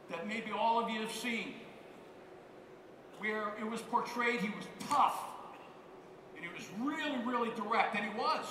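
A man in his 50s from the United States delivers an emphatic motivational keynote on a large conference hall stage, repeating key phrases. His voice is high-pitched, picked up by a headset mic yet heard from far off, with roomy hall reverb and background noise.

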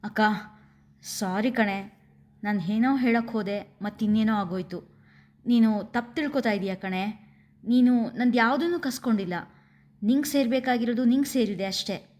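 A woman's voice: mid-range voice, steady tone, a little fast, lightly acted. A woman voicing a young daughter who speaks hard and bitter to her parents. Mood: pleading.

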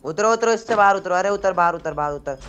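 A young man talks on game voice chat, his voice slightly high. He barks orders and threats at other players. Faint noise sits under his voice. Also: fast talker, dull audio. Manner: bossy, yells at others in the game. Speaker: teammate in game.

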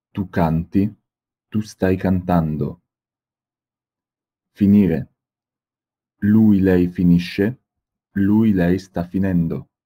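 Slow, husky low-voiced man. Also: dark tone. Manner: slow, deliberate, carefully spaced. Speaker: language teacher reading examples. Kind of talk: slow read-aloud example sentences.

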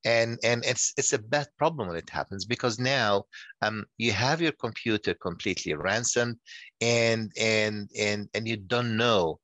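A man's voice: fairly low pitch, fairly bright tone, dry recording. A man in his sixties, raised in Nigeria, giving a conference talk over a video call, often repeating words as he goes. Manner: halting, many repeated words. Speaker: guest speaker.

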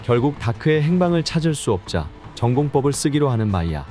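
A man narrating a drama recap in a brisk, scripted storytelling voice. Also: medium pitch, sing-song. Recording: narration over loud background music.

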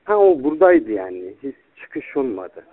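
A young man talks casually over a tinny, narrow phone line. His pitch moves around in a lively way, and his manner is deferential, as if answering an older friend. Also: normal speed. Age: young adult. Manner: deferential, repeatedly addressing the listener as older brother. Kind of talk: informal phone conversation. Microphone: telephone. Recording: tinny, band-limited recorded phone call.

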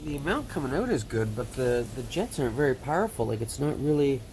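A man talks his way through a car wash from behind the wheel of his van, rambling and musing, with a lot of fillers and restarts. His voice sits at an ordinary middle pitch. Loud spraying water and vehicle noise carry clearly under the phone recording. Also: big pitch swings, fast talker. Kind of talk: casual vlog commentary. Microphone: phone camera in the driver's seat.

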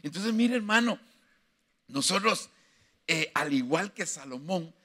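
A man's voice: sits high, animated, measured pace, pushed and bright. A man preaching a sermon as pastor, addressing the congregation as brother and acting out biblical dialogues with growing fervor.

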